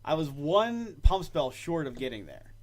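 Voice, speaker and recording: A male host of a casual podcast chats and tells stories, laughing often. His voice is a little high and sing-song, and he talks a little slowly.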